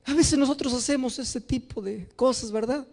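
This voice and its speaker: A man's voice: very high voice, normal speed, creaky, darkish tone. A middle-aged male pastor preaching a sermon to his congregation, impassioned and sing-song, often putting questions to the listeners. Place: church before a congregation.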